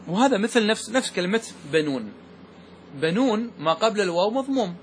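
A man teaching grammar, asking the class questions and slowing down to stress key words. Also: high voice, expressive, slight background noise. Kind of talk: classroom lesson explaining verse.

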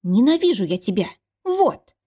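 A fiery young heroine in an audiobook fantasy romance, put on by a woman narrator. Her voice climbs high and sharp with emotion. She bursts out in overwrought cries. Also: sing-song, normal speed. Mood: distraught, angry. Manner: emotional outbursts, high pitched. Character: young woman, fiery, scared then furious.

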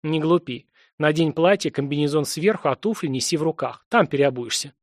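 A stern older woman who gives orders and cuts off every objection, as a male audiobook reader puts her on. Her delivery is clipped and ironic, a little higher than plain talk. The sound is close and dry. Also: brisk, no room sound, natural voice. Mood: brisk. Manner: curt, bossy, dryly ironic.

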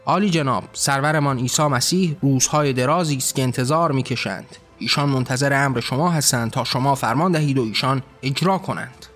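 A man's voice: mid-range voice, few pauses, a bit bright, faint music behind, close to an everyday voice. A man voicing a curt, scolding archangel. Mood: stern. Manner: curt, commanding. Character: harsh scolding male archangel.

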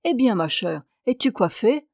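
A woman's voice: on the high side, very animated, a little slow, gravelly, a little mellow, no echo, exaggerated voice. A woman reading aloud, voicing a weary, mildly sarcastic husband who grumbles under his breath. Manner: dry, grumbling. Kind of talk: audiobook character reading.

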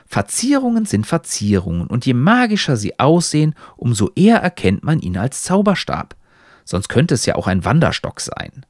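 A man's voice: mid-range voice, wildly swooping pitch, normal speed, dry recording, clean studio sound. A man voicing a pompous, lecturing old talking hat with a stilted, old-fashioned way of speaking.

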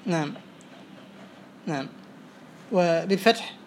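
A man teaching Arabic morphology, quizzing students and briskly praising each answer. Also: high-pitched. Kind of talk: oral quiz lesson. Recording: faint background noise.

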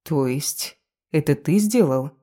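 A reader voicing a young, weary witch who sighs softly and asks questions in an audiobook. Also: deep voice, expressive, slow pace, heavily acted. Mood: weary, curious. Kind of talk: audiobook character voice.

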